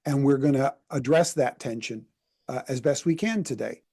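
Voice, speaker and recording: A man's voice: mid-range voice, normal speed, mellow, breathy edge. A man hosting a podcast interview, talking in an easygoing, affirming way. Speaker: podcast host. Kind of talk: casual interview.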